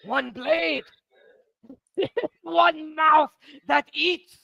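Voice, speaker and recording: Casting: male player as zealous warrior orator for tabletop game. High, forceful, declamatory, given to bellowing. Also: vocal fry, dry recording, full character voice, rough recording. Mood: rousing. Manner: declamatory, slow emphatic oratory with shouted bursts. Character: fervent bellowing zealot warrior rallying outcasts.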